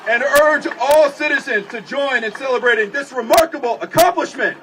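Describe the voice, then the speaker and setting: A man's voice: very high voice, fairly quick. A man reading a formal civic proclamation as a commissioner, with emphatic public-address delivery from an outdoor stage. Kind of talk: formal ceremonial proclamation speech. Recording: distant outdoor PA with background noise.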